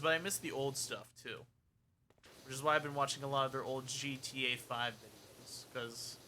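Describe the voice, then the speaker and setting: A young adult man talks casually over his gameplay stream, rambling from one frank opinion to the next. His voice has a strikingly bright, cutting edge at a mid pitch. A faint hiss of noise sits behind him.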